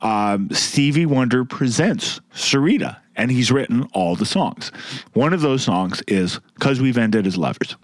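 A man's voice: mid-range voice, expressive, a little slow. A man hosting a music podcast, talking casually and wryly about songs and sometimes humming melodies. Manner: chatty, wry, hums melodies. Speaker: podcast host.

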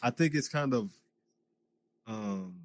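A man's voice: mid-range voice, expressive, slow. Emphatic man chatting as a podcast guest. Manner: emphatic, talks loosely with fillers. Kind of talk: casual chat. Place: virtual reality social space.

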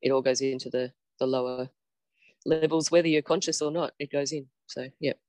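Guy from australasia thinking out loud on a podcast, lots of ums, dry close sound. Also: mid-range voice, fairly even intonation, a little fast, no room sound. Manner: musing, hesitant, lots of ums. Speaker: podcast co-host. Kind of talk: casual chat.

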